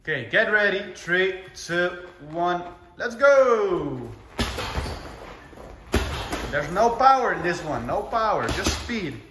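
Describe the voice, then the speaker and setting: Male fitness coach, higher-pitched, urging short commands, echoey room, background noise with thuds. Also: expressive, unhurried, hardly any pauses. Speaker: kickboxing coach leading a heavy bag class. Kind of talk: workout coaching with short shouted cues and countdowns. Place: indoor kickboxing gym with mats and mirrors. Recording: echoey gym with clear background noise, clicks.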